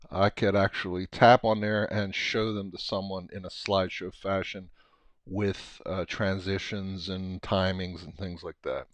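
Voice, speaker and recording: A middle-aged American man giving an unscripted, casual software walkthrough, thinking aloud haltingly as he explains. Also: fairly low pitch, dry recording. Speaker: software tutorial presenter.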